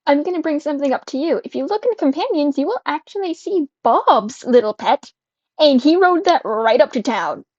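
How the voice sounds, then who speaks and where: A woman's voice: sits high, expressive, normal speed, darkish tone, dry recording, highs cut off. A woman running a tabletop game as game master, talking casually and bluntly. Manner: casual, unbothered, profane. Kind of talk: narrating a tabletop game over voice chat.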